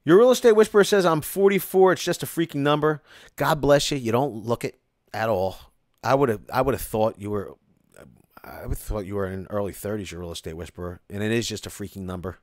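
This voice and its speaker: Fairly low and a little fast, this host's voice carries an excitable, rambling chat as he reads live comments, with many restarts and "like"s. He uses a close mic at home, and the result is dry and studio quality.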